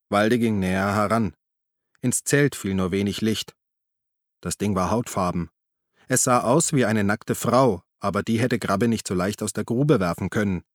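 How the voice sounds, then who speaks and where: Man narrating audiobook, low voice, calm, very dry close mic. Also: moderate pace, no echo. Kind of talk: scripted narration.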